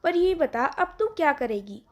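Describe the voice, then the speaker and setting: A woman's voice: high voice, lively intonation, unhurried. A woman voicing a young woman who keeps questioning her best friend. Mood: curious. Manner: questioning, curious.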